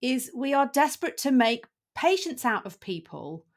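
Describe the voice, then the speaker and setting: A woman doctor hosting a podcast, talking in a thoughtful, measured way and often murmuring agreement. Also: high-pitched, very animated. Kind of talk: casual conversation.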